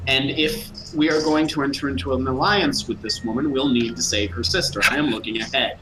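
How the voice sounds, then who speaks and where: A man's voice: mid-range voice, fairly even intonation, a little fast, background noise. A man playing a tabletop role-playing game, moving casually between in-character talk and banter, in a roomy recording. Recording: roomy echo, background music.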